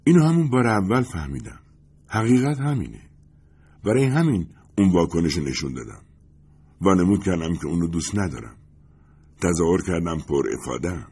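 An effusive, excitable friend pours out praise and confessions in a lifted, eager voice, as a male audiobook reader puts him on. The tone stays husky and rough at the edges, and the pitch swings widely as the talk rambles on. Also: full character voice. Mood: confessing. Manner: gushing and rambling, higher and louder than the narration. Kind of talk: audiobook character voice.

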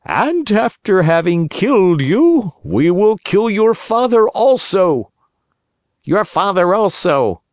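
A man doing a threatening robber in a storybook, gruff and sinister, his threats rising loud and swinging in pitch. The recording is dry. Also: sing-song, slow, no room sound, full character voice. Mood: menacing. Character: two menacing male robbers, threatening.

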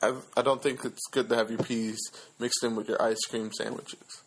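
Man, casual chat, jokey, rambling, mid pitch. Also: level tone, moderate pace, slight background noise, rough recording.

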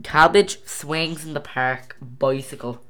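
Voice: medium pitch, fairly even intonation, slow pace, a bit bright, smooth. A casual home-video host reading quiz questions aloud, stumbling over words and restarting.

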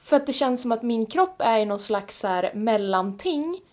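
A woman's voice: on the high side, expressive, a little mellow. A woman in casual chat, talking openly and acting out her own past thoughts with lots of fillers.

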